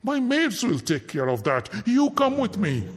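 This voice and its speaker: A man voicing a lustful, gloating male general in a storybook tale, with leering, drawn-out sweet talk, heard with a long echo from farther off the mic. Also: sits high, sing-song, pitched above the performer's own voice.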